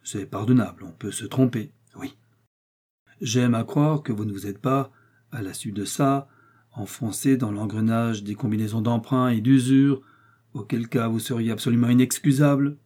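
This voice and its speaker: Voiced in a dark, husky tone, a man plays a shrewd old village mayor from Normandy, blunt and sure of himself. He lays down the law in a gruff, lecturing way. It sounds like an audiobook reading. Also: medium pitch, normal speed, natural voice. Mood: stern.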